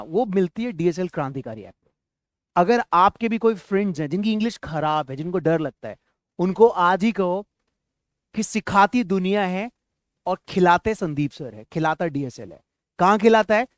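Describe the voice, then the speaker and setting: A man's voice: sits high, clear, resonant tone, no room sound, studio quality. A man with an Indian accent teaching an online English class, calling out words for students to repeat and quizzing them as he goes. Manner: encouraging, asks the class questions. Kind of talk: online English lesson with drills.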